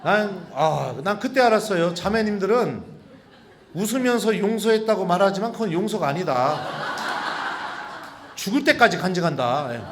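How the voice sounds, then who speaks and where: Middle-aged male priest, high-pitched, animated retreat lecturer who chuckles through his stories, faint ambient hum. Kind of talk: retreat lecture, personal storytelling. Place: retreat talk before a group.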